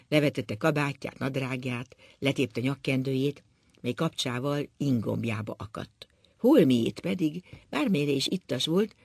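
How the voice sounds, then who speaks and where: Man, audiobook narrator, gravelly, husky, measured reading. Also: medium pitch, a little mellow, no echo, clean studio sound.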